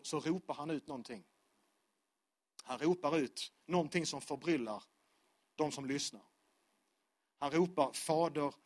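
A man preaching a sermon to a congregation in church, with rhythmic repeated phrases, swinging from full-voiced intensity to hushed lines. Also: fairly high pitch. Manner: impassioned, with sudden drops to a hushed voice. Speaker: pastor. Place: church service before a live congregation.

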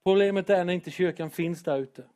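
A pastor preaches in church with earnest emotion, rising to shouts when he presses a point. His voice sits a little high for a man. He breaks up the heavy moments with self-deprecating humor. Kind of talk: sermon.

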